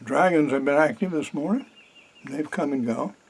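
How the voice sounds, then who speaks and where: An older man vlogging quietly from a duck blind while turkey hunting, in a rambling, folksy way. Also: fairly high pitch, moderate pace, breathy edge, low-quality recording. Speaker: hunter vlogger. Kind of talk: casual outdoor vlog.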